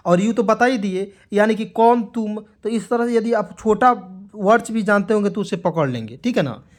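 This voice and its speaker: A man with a fairly high voice runs an English lesson. He spells each word out letter by letter, then drills it with repeated questions and answers. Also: normal speed. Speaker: English teacher. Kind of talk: classroom-style spoken lesson.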